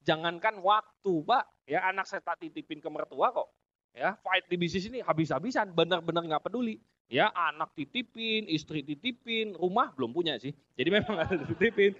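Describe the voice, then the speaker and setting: A man's voice: high voice, animated, fairly quick, a bit bright, dry recording. A middle-aged man from Indonesia giving a motivational business talk to an audience, joking and chuckling at his own punchlines. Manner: addresses audience as "Bapak Ibu sekalian". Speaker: business seminar speaker. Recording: dry, dull lo-fi audio.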